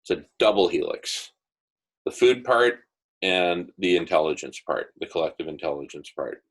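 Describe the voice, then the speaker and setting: A man with a fairly low voice hosts a casual online discussion. He rambles in an idealistic, enthusiastic way, repeating phrases for emphasis. He is speaking through earbuds on a video call. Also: animated, normal speed. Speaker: host of an online group discussion. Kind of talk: casual, rambling visionary talk.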